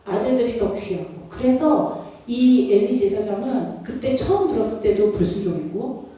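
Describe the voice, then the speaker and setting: A woman's voice: on the high side, normal speed, warm tone. A woman giving a youth sermon, conversational, asking her listeners questions and mixing casual and polite speech. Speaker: youth pastor. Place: church sanctuary. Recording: echoey church hall from far off.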